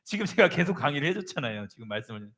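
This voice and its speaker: A male pastor preaches with lively, swooping intonation, telling his story with animation. His voice sits a little high for a man. He turns to members of the congregation to ask them questions. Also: very fast. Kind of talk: sermon.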